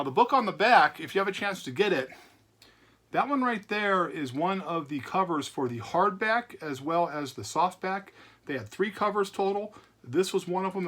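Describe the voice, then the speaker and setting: This comic book channel host, a man with a rather high and slightly bright voice, is getting over an illness. He chats casually to the camera in his vlog, rambling with repeated words and lots of fillers.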